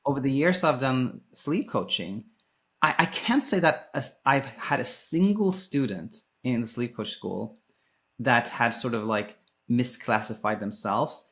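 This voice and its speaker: In an unhurried, mid-range voice that's a bit bright, a man from Sweden answers podcast interview questions. A sleep coach and former sleep physician, he speaks informally and explanatorily, reworking his phrasing as he goes.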